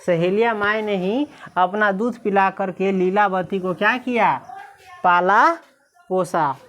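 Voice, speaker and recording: A woman's voice: mid-range voice, takes it slowly, a bit bright, slight background noise. A woman teacher explaining a story, asking her class questions and answering them herself, slipping into village dialect.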